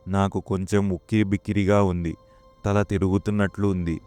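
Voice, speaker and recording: A frightened young woman traveler on a night bus, read by a man in his own low voice. Her lines come out smooth and level, with faint music behind, as in a spoken horror story. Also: level tone, normal speed, mellow, close to an everyday voice. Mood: uneasy. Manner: plainly read, barely acted.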